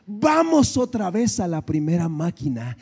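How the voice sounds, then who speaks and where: A man's voice: high voice, wildly swooping pitch, measured pace, gravelly, darkish tone, breathy edge, heavily acted. A man voicing a begging little girl with a Mexican accent. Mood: pleading. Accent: Mexican Spanish. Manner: begging, wheedling, singsong. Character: pleading little daughter, sweet and persistent. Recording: echoey hall reverb.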